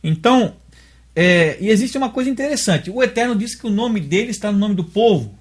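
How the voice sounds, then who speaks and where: A man's voice: sits high, expressive, a little fast. A man with a Brazilian Portuguese accent, teaching a religious lesson step by step and often checking that his listener follows. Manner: explains step by step, often checks understanding with tag questions. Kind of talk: explanatory dialogue lesson.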